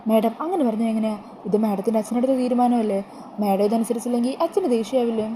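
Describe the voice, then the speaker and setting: A woman voicing a respectful young male servant who talks gently and coaxingly. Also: fairly high pitch, fast talker, slight background noise, lightly acted, rough recording.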